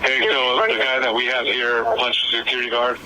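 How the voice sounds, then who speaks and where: A man's voice: mid-range voice, flat delivery, normal speed, pushed and bright. A man, a police officer, giving informal, plain-spoken updates over police radio. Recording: noisy police radio transmission.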